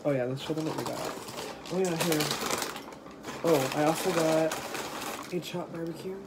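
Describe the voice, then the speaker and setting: A woman's voice: sits low, moderate pace. A woman chatting casually and giggling while she eats on camera for a mukbang video. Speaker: vlogger. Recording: loud background noise.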